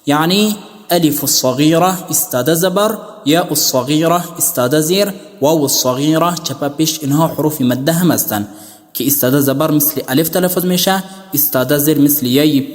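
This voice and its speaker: A man teaching a Quran reading lesson, slowly repeating terms in careful lists. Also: a little high. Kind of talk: slow classroom lesson. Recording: long reverb.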